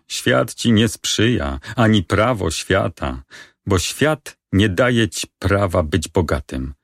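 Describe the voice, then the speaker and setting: A man reading the part of a young male lover in grim despair in a stage play, with slow, solemn delivery. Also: deep voice, no echo, studio quality, full character voice. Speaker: reader of a play.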